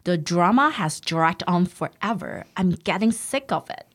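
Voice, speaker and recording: Animated woman teaching English playfully. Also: on the low side, measured pace, no echo. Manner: teasing, animated, explains patiently. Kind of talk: playful bilingual English lesson.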